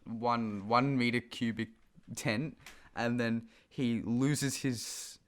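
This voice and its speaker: Teenage guy giving a quick overview. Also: mid-range voice, steady tone. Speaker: podcast co-host. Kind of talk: casual chat.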